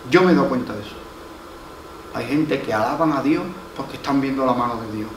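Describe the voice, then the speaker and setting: Pastor with an Andalusian accent preaching in a roomy hall. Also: male voice, medium pitch, a little fast. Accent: Andalusian Spanish. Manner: storytelling, acts out quoted voices, emphatic repetition. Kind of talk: sermon. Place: church hall. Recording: roomy, from far off, faint noise.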